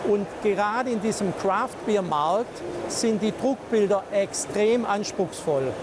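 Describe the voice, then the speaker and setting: An expert gives an interview statement outdoors, explaining with confidence. Street and vehicle noise are clearly heard around the voice. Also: medium pitch, lively intonation, slow pace. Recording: noisy outdoor recording.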